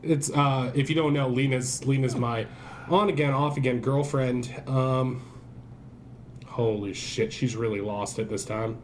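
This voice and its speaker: A man's voice: mid-range voice, fairly even intonation, a little slow, lightly acted. A man playing a griping, flustered podcast host in an audio drama, rambling and stammering as in casual chat. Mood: exasperated. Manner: rambling, stammering, sweary, exasperated. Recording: clearly noisy background.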